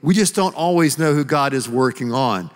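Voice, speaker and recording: On a church stage, a middle-aged pastor and author earnestly explains his points in a sermon dialogue, holding a handheld mic. He speaks at a moderate pace with a medium pitch and lively intonation, and a long hall reverb fills the recording.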